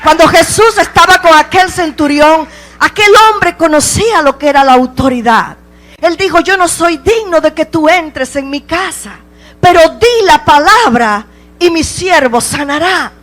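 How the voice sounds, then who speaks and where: A male preacher delivering a fervent sermon, hammering home repeated rhetorical questions, drawing out key words and shouting at the peaks. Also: very high voice, lively intonation. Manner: drawn-out emphatic phrases. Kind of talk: Spanish-language sermon.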